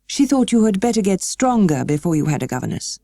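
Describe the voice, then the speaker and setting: A woman voicing a weary, melancholy gentleman guardian for a storybook, kindly but stiff, with slow, halting, well-spoken delivery. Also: medium pitch, very animated, dry recording, voice pushed up. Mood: worried.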